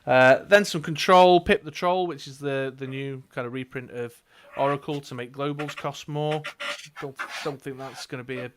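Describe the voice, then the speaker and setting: A man with a mid-range voice chats at an easygoing pace about his card game team. He fills his talk with "uh" and "um" and reads card rules aloud. He keeps the tone casual and relaxed. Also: mid-range voice, moderate pace, slight background noise. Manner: chatty, many fillers, reads out card text. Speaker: co-host of a dice game stream. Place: indoors at a gaming table.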